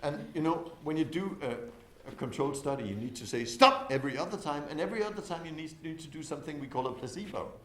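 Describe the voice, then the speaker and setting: A man gives a talk in a windowless conference hall, drawing the audience in with questions. His voice moves between loud, waking bursts and low, calm stretches. The hall adds an echo, with a faint hum of noise underneath. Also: quick pace, hardly any pauses. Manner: engaging, quizzes the audience, swings from loud to soft. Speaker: conference speaker.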